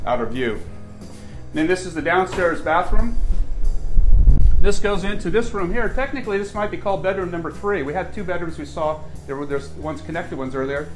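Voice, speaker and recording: An older man with a fairly high voice eagerly leads a casual walking tour of his house, chatting enthusiastically and often restarting his sentences as he moves from room to room. Faint music plays underneath, and the audio comes from a camera mic filmed walking behind him.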